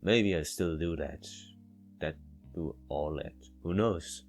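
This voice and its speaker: A let's player reads visual novel narration aloud in a low voice, taking it slowly and stumbling over words now and then. Faint music plays in the background.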